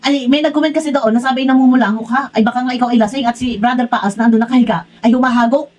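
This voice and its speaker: A woman vents in a reaction vlog. Her voice sits high, and she scolds in an exasperated tone, stacking up rhetorical questions. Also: fairly even intonation, very fast, darkish tone, rough recording. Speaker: vlogger.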